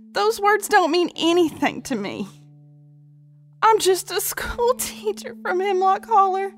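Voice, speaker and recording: A man voicing a frightened young woman schoolteacher in a high, pleading falsetto. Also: pushed and bright, full character voice.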